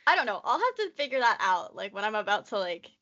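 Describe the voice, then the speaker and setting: A woman's voice: medium pitch, big pitch swings, fast, pushed and bright, dull audio. A woman in her twenties co-hosting a podcast, chatting casually and rambling with lots of "like" fillers. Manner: rambling, constantly says "like", nervous chatter. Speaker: podcast co-host. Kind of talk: casual chat.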